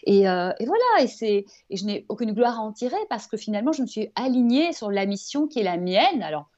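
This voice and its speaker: Appearing as an interview guest, this woman from Belgium, who wrote a self-help book, talks about her ideas with eager, emphatic energy, wandering in a relaxed motivational style. She's medium-pitched and brisk, with a warm tone and big swings in pitch; the recording lacks its high frequencies.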